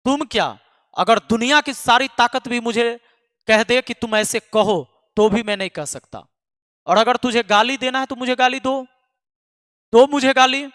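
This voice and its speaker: A man's voice: extremely high pitch, moderate pace, a bit bright, no echo, clean studio sound, in a large hall. A man who teaches math online, speaking to his students in an emphatic, scolding way and repeating lines for force. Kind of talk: impassioned address to students.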